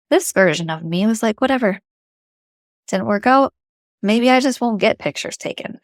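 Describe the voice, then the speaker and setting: A woman's voice: on the low side, clear, resonant tone, dry recording, studio quality. A middle-aged woman with an Upper Michigan Yooper accent telling a personal story in a chatty, informal, emphatic way. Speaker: vlogger.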